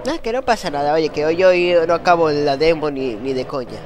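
A man's voice: fairly high pitch, animated, brisk, music in the background. A man from commenting on a horror game, joking, swearing and muttering in frustration. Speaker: gaming channel host.

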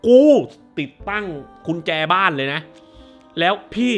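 A man's voice: high-pitched, unhurried, fairly bright tone, smooth, faint music behind. A man hosting a movie review show, ranting casually in a crude, profane, sarcastic way.

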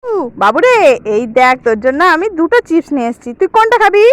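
High, lively woman teasing a child. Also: fast, a little hiss or hum. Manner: teasing, coaxing, animated. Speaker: vlogger. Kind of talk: playful home skit with a child.

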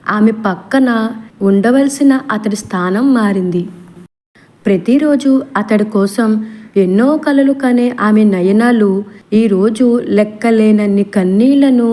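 Soft-toned woman narrating an audiobook. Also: medium pitch. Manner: poetic, emotive storytelling. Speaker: storyteller.

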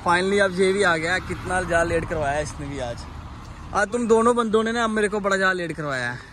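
A man's voice: high voice, lively intonation, fairly quick. A man in his thirties, a vlogger, chatting and teasing his friends while driving on a road trip. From Jammu, India. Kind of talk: casual road-trip vlog chat. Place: inside a car on a road. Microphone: camera on the dashboard. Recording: distant car mic with loud road noise. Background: car and traffic noise.

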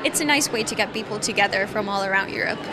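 A woman's voice: mid-range voice, quick pace, heavy background noise. A young woman from Finland, a conference delegate, answers interview questions eagerly. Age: young adult. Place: large crowded hall. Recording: crowd chatter behind.

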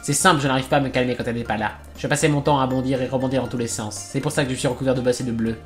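A man voicing a grateful, bouncy little male pig creature from a game, reading its lines aloud with a deliberately bad put-on accent. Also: medium pitch, fairly even intonation, soft background music, natural voice.

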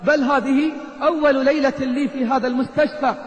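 Man doing a young lady doctor, gentle and shocked, high pitched, hall echo. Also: steady tone, brisk. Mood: astonished. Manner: astonished, disbelieving. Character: young woman doctor, kind and devout. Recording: echoey hall.

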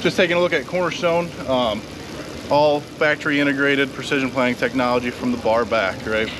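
Technical product rep in his thirties. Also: fairly even intonation. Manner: quick, technical, rehearsed pitch. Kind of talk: product demo. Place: large indoor trade show hall. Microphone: camera at short distance. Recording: noisy trade show floor. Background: crowd and hall noise.

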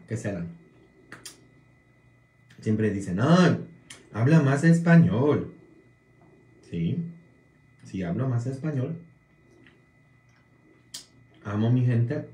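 Polish-born male priest, casual viewer talk, very slow, roomy echo, keeps tossing in "mm?" checks. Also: medium pitch, animated, darkish tone. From Poland. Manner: slow, drawn-out delivery with frequent "mm?" tag questions.

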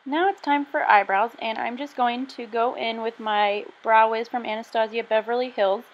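A woman's voice: fairly high pitch, fairly even intonation, moderate pace, dull audio. A young woman casually narrating her makeup tutorial in a chatty, self-deprecating way. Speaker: beauty vlogger.

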